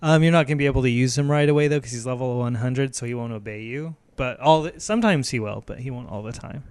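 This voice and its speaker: A man co-hosting a casual radio show, explaining things with pauses and fillers. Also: mid-range voice, a little mellow. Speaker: podcast co-host. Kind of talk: casual chat.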